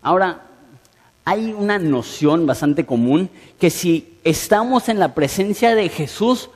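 A man's voice: high-pitched, lively intonation, a little slow. A man preaching a sermon in an earnest way, asking his listeners direct questions. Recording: long hall reverb.

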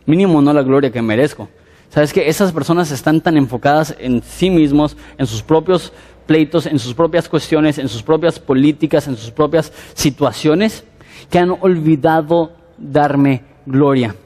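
A man's voice: on the high side, normal speed, a little mellow, in a large hall, close to an everyday voice. A man voicing God as a disappointed, reproachful male figure.

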